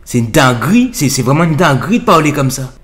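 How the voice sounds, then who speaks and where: A man's voice: fairly high pitch, very animated, fast talker, fairly bright tone, faint music behind. A young man voicing a cocky, touchy young Guadeloupean man with a thick Guadeloupean accent, speaking in an exaggerated, indignant way. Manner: exaggerated, indignant, keeps repeating "frérot". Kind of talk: prank role-play on video chat.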